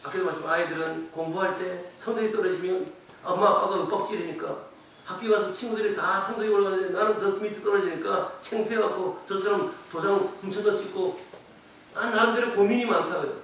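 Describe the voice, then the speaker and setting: A man preaching a revival sermon, impassioned, moving between soft pleading and loud emphatic shouting. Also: sits high, fairly even intonation, fairly quick, slight background noise. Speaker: pastor. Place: church sanctuary. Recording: echoey church room from a distance.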